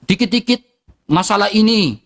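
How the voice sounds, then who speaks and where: A woman's voice: medium pitch, animated, normal speed, over loud music. A woman with an eastern Indonesian accent, ranting heatedly and bluntly to her livestream viewers, repeating herself for emphasis.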